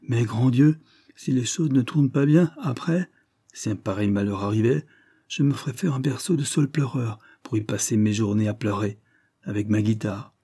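A man voicing a chattering young woman, a lord's sister, with a twittering little voice that gushes on without pause. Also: mid-range voice, dark tone, husky.

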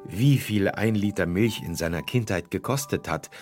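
A man giving scripted documentary narration in a measured, varied way. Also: deep voice, darkish tone, soft background music.

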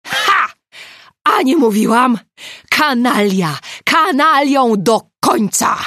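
A woman's voice: mid-range voice, expressive, normal speed, no echo, clean studio sound, pitched above the performer's own voice, close to an everyday voice. A woman reading the part of an impulsive, outspoken woman writer who blurts out what she thinks. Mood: triumphant. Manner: blurting, triumphant outbursts.

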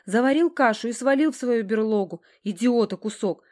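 A woman reading an audiobook, voicing a distraught young woman who sobs, snaps and exclaims in a high voice. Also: a little fast, darkish tone, lightly acted. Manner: shrill, sobbing, exclaiming. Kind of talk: audiobook dialogue.

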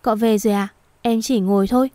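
A woman's voice: fairly high pitch, fairly even intonation, fast talker, mellow, dry recording, natural voice. A woman reading a story and voicing a timid, devoted young servant girl who speaks politely and anxiously. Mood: meek.

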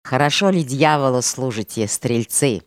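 A woman's voice: extremely low pitch, lively intonation, normal speed, no room sound, clean studio sound. A woman doing a grim, stern monk. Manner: firm, sober, gloomy. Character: stern red-haired male monk, grim ex-soldier in chains.

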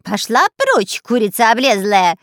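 A woman voicing an excitable, long-nosed male spy in a storybook, shrill and yelling. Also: unhurried, dry recording, studio quality. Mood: rude.

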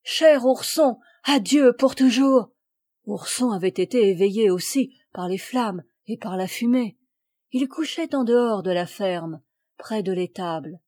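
A woman's voice: measured pace, dark tone. A woman reading a classic children's fairy tale aloud as an audiobook, lifting her voice for the characters' cries. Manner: acts out the characters' cries with raised pitch and volume. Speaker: audiobook reader.

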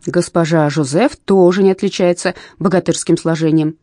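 A woman reading aloud, voicing an excitable, scheming male canal worker who draws out his exclamations. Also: on the low side, no room sound, clean studio sound, natural voice. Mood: coaxing. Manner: wheedling, drawn-out exclamations.

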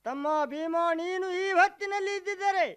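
A lamenting elder prince. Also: male voice, extremely high pitch, brisk, a bit bright. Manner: lamenting, mournful, declamatory. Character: elder royal brother, grieving and helpless. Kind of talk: mythological radio play acting.

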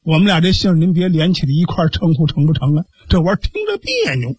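A man doing gossipy old village neighbors with a Beijing accent, coaxing and full of colloquial chatter. The voice rides high and swings widely in pitch, with a slightly husky edge. It sounds close and dry, with no room around it. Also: huge pitch swings, quick pace, a little mellow, dry recording, full character voice. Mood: fussy. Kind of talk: storytelling radio performance.

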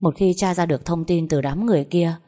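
A woman narrating a family drama story in a steady, even storytelling manner. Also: on the low side, quick pace. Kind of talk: scripted audio-story narration.

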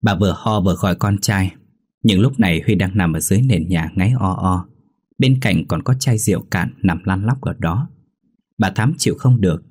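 A man narrating a ghost story in a steady, measured reading voice. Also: deep voice, slightly rough.

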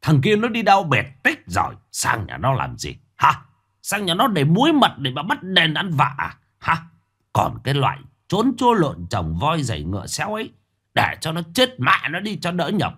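A man playing a furious shouting village patriarch. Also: fairly high pitch, wildly swooping pitch, normal speed, husky, pitched above the performer's own voice, exaggerated voice. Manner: shouting, scolding harshly.

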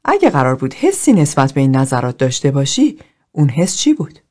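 Woman reading a gentle male therapist: soft, coaxing, patient, lively delivery. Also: extremely low pitch, full character voice.

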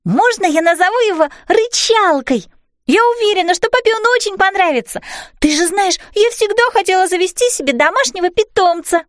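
An eager little girl of seven in a storybook, calling out and pleading with excitement, played by a woman reader. The voice climbs very high and bounces widely, recorded dry and close. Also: a little fast, no echo. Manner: bright pleading exclamations.

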